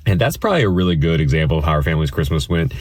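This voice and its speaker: A man's voice: extremely low pitch, very animated, racing, no echo. A man of about forty, chatting casually and rambling through a holiday message. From Indiana, US Midwest. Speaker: guest sharing a holiday message.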